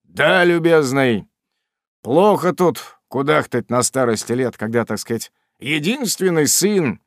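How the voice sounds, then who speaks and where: A man voicing old Mr Weller, an elderly father who scolds and laments over his son in a loud, slow, emphatic way. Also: medium pitch, lively intonation, dry recording, clean studio sound. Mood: lamenting.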